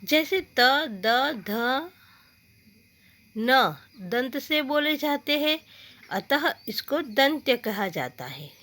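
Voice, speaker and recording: Slow, bright-voiced woman teaching Hindi. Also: sits high, very animated. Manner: slow, deliberate, repeats each word twice. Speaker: school teacher. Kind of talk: Hindi grammar lesson.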